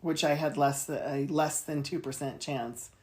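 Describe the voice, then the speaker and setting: A woman with a notably low voice talks candidly in a relaxed podcast chat. Her humor is dry and she laughs easily with her co-host. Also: normal speed. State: in chemotherapy treatment. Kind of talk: casual chat.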